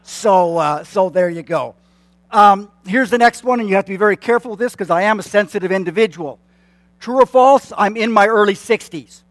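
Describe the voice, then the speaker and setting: In a church sanctuary, a man in his late fifties who works as a church consultant delivers congregation announcements with a warm, self-mocking manner and frequent fillers and restarts. His pitch is high, his pace a little fast, his tone a bit bright, and the recording dry.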